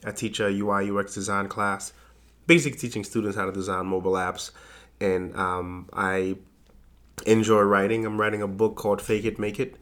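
A man's voice: fairly low pitch, flat delivery, moderate pace, fairly bright tone. A young man from Haiti, a design lecturer, talking as a guest in a casual interview, rambling with many fillers and restarts.

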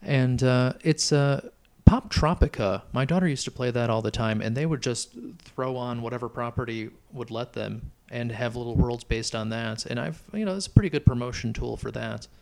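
A man's voice: mid-range voice, moderate pace, vocal fry, darkish tone. A middle-aged man chatting casually on a podcast, rambling and hesitant, with lots of fillers. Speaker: podcast co-host. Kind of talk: casual chat. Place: Chicago.

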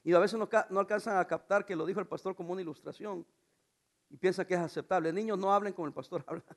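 A middle-aged man preaching a sermon as pastor, animated, asking the congregation rhetorical questions and mixing in humor. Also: high voice, fast.

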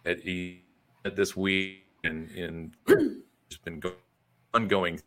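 A man interviewing over an internet call, halting and restarting his words while his audio breaks up. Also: deep voice, fairly bright tone. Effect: glitchy breaking-up call audio. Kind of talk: casual interview chat. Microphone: internet video call. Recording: glitchy call audio from afar.

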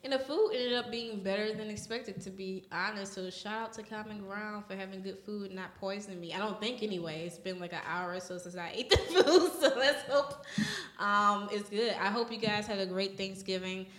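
A woman's voice: mid-range voice, fairly even intonation, brisk, few pauses, roomy sound. A woman hosting a podcast, chatting casually in a wry, joking way. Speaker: podcast host. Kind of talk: casual chat.

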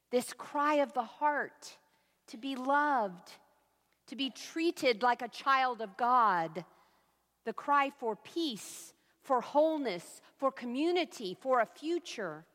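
Woman pastor preaching slow and thoughtful, bright voice, big echoey church. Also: a little high. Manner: slow, reflective storytelling with soft emphatic pauses. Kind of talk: sermon.

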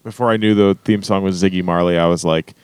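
A man co-hosting a podcast in casual chat, joking and animated, with some swearing. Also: deep voice, fast, clean tone, dry recording. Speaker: podcast co-host.

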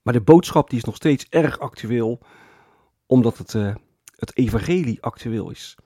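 A man preaching a sermon as pastor, explaining calmly and often adding a tag word to his points. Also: medium pitch, normal speed, husky, dry recording, studio quality. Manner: calm explanatory preaching with frequent "hè" tags.

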